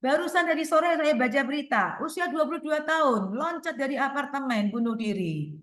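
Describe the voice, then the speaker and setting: A woman's voice: high-pitched, lively intonation, moderate pace, a bit bright. A woman answering audience questions in a workshop talk, explaining her points with everyday examples and rhetorical questions. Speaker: workshop speaker. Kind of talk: webinar Q&A advice talk. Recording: echoey room sound.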